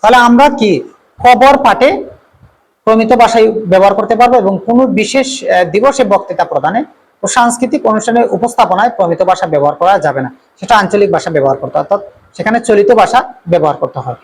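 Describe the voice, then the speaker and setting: A male teacher works through multiple-choice exam questions, repeating each one and reading the options aloud before giving the answer. He stretches out his "uh" fillers, speaks in a high voice, and the audio quality is poor.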